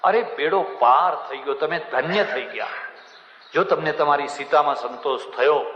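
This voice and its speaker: Folksy preacher in an echoey hall. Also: male voice, fairly high pitch, moderate pace, a bit bright, slight background noise. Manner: folksy, acts out quoted characters, laughs at his own jokes. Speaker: religious preacher. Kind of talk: storytelling sermon. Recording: echoey hall, dull sound.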